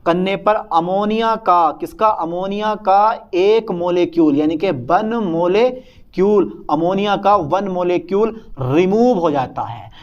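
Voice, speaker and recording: A man's voice: sits high, slow pace, highs cut off. A young man lecturing on chemistry at a whiteboard, talking to his students and answering his own questions in a student's voice. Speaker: chemistry teacher.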